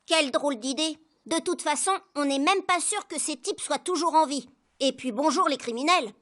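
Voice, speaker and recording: A woman's voice: high voice, moderate pace, fairly bright tone. A woman voicing a boastful, gluttonous male pig in a dubbed cartoon, blustering and indignant. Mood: grumbling.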